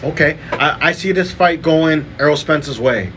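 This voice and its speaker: A podcast host with a fairly high, slightly bright voice chats casually and unhurriedly about boxing, running through fight lineups and his picks. There is slight background noise.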